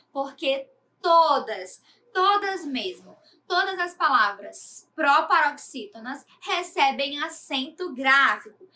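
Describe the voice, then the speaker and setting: A woman's voice: sits high, sharp tone. A Brazilian woman teaching a grammar lesson to children, patiently explaining step by step and often checking in with her students. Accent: Brazilian Portuguese.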